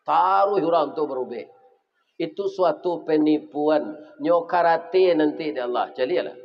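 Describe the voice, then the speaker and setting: Brief: male preacher, Minangkabau accent, lively storyteller with loud bursts, fairly high voice, dull lo-fi sound. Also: measured pace, vocal fry. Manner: animated storytelling with sudden loud exclamations. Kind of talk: humorous sermon. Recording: reverberant hall, dull lo-fi sound.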